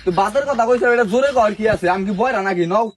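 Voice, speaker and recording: A man's voice: very high voice, rapid-fire, background noise. A man playing a bickering, half-deaf middle-aged village wife, scolding and defensive. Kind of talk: comedy skit acting.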